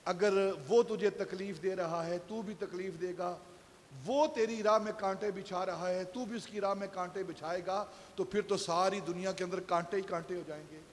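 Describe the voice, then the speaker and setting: A man's voice: sits high, steady tone, long reverb tail, slight background noise. A man giving a Friday sermon, telling stories and rising to emphatic peaks. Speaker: pastor. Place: shrine mosque hall.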